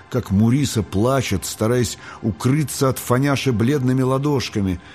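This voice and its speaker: A man's voice: mid-range voice, darkish tone. Man narrating a fairy-tale audiobook. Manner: measured storytelling. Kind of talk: scripted narration.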